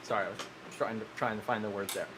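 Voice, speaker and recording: A man's voice: fairly low pitch, steady tone, quick pace. Earnest rambling man, faint hiss. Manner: earnest, rambling, self-correcting with many restarts. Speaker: game server owner. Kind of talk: live-streamed discussion.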